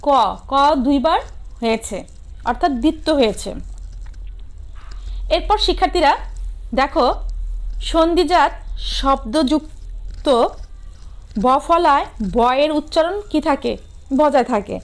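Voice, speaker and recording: High-voiced Bangladeshi woman teaching grammar. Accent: Bangladeshi Bengali. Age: middle-aged. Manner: asks questions and answers them herself; sounds out words slowly and carefully. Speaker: school teacher. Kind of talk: classroom grammar lesson.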